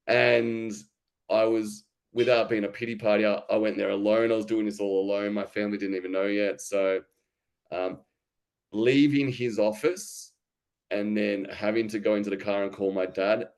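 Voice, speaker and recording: Guy in his thirties, low and resonant, chatty and candid, telling his own story. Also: a little mellow, clear, resonant tone. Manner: candid, informal, many fillers and restarts. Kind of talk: casual conversational storytelling.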